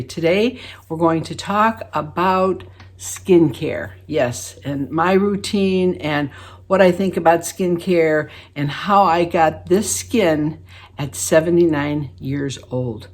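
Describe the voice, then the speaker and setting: A woman's voice: low-pitched, slow. Chatty, folksy woman in her late seventies. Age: 70s. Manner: chatty and folksy, with laughs and self-deprecating jokes. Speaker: beauty vlogger. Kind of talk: casual chat to camera. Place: her living room.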